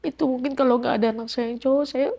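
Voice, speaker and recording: A woman's voice: sits high, steady tone, fast talker, vocal fry, dark tone. A middle-aged woman giving an emotional personal testimony in an interview, acting out quoted dialogue as she recounts events.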